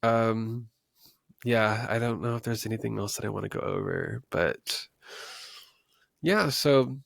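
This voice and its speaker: A young man in his twenties, originally from West Texas, hosts his own podcast with loose, unscripted chatter. His voice carries a gravelly, fry-tinged edge, and he rambles freely with plenty of ums and little laughs. The sound is dry and close, with no room echo. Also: fairly low pitch, a little slow, a bit bright. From West Texas, USA. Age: 20s. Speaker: podcast host. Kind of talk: casual unscripted podcast talk.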